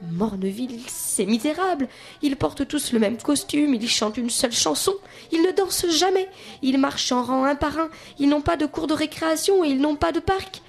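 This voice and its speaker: A woman reading a children's book aloud in a lively, expressive way, with whispered asides. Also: sits high, normal speed, vocal fry. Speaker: storyteller.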